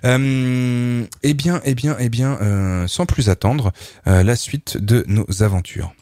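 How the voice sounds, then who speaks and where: A man's voice: mid-range voice, slow pace, warm tone, dry recording, clean studio sound. A man hosting a radio interview in a casual way, hesitant with many fillers and restarts. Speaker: radio host.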